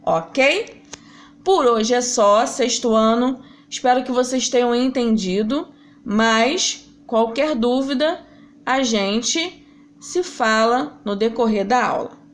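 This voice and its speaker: A woman's voice: a little high, slow. A woman teacher giving a recorded grammar lesson to schoolchildren, patiently explaining step by step and asking rhetorical questions.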